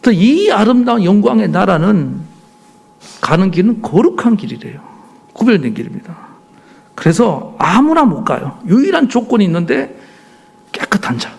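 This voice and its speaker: A male pastor delivers a sermon with a high, animated voice that rises and falls sharply. A gravelly fry runs through his speech as he hammers home points with rhetorical questions. His delivery stays emphatic and insistent. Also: moderate pace.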